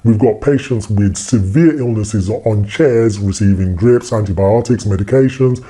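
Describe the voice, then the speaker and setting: A man speaking with his voice disguised to sound deep, a hospital consultant giving a frank news interview. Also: measured pace, dark tone, husky.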